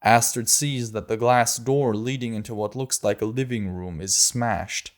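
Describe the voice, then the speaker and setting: A man narrating an audiobook in a measured, steady way. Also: mid-range voice. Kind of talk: scripted narration.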